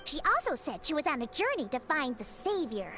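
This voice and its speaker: A woman's voice: high-pitched, big pitch swings, a little fast, pushed and bright, full character voice. A woman voicing a tiny, chatty fairy girl companion who talks about herself in the third person, in a video game. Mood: chirpy. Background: game music.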